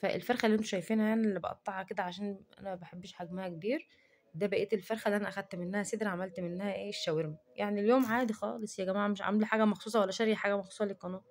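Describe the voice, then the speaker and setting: Egyptian woman vlogger, rapid-fire indignant rant, mid-pitched voice. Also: steady tone, a little mellow. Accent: Egyptian Arabic. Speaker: cooking vlogger. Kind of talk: casual talking-to-camera vlog.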